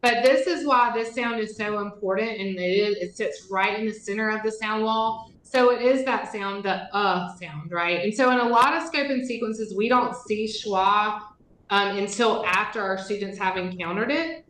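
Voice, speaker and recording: A woman's voice: mid-range voice, normal speed, fairly bright tone. Conversational woman literacy trainer with lots of fillers, recorded in an echoey room. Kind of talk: teacher training presentation.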